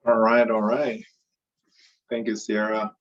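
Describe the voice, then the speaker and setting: A man's voice: lowish voice, monotone, takes it slowly, fairly bright tone. A man, giving a friendly, upbeat webinar presentation and often restarting and repeating his words. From Venezuela. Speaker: webinar presenter, microloan director. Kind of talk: casual online webinar presentation. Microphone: video call mic. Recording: dull, lo-fi video call audio.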